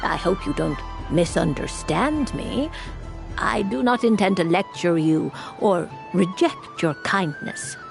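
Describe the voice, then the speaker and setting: Slow, creaky genteel elder lady. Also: fairly low pitch, huge pitch swings, exaggerated voice. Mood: kindly, amused. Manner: formal, quaint, measured phrasing. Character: genteel, playful elder woman with polite, whimsical manners. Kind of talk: video game character acting. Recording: music playing behind the voice.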